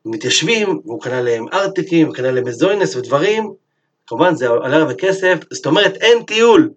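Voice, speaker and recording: A man teaching a Torah lesson, telling a story in a lively sermon style and acting out its characters. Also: on the high side, a little hiss or hum.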